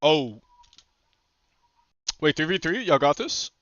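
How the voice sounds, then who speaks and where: Young male game streamer, frat-bro slang and swearing, high bright voice, slightly lo-fi dry mic. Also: takes it slowly, no echo. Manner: excitable, bursts into shouts. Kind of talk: casual gaming commentary. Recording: slightly dull lo-fi streaming audio.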